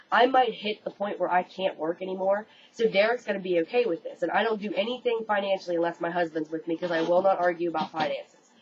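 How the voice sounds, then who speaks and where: A young American woman telling a story to her webcam in an animated, casual way, swearing freely. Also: medium pitch. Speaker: vlogger. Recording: dull lo-fi webcam audio, faint room noise.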